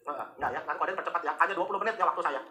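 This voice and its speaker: A man giving a motivational business seminar to a live audience, joking and teasing the crowd with quick asides. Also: fairly high pitch, pushed and bright.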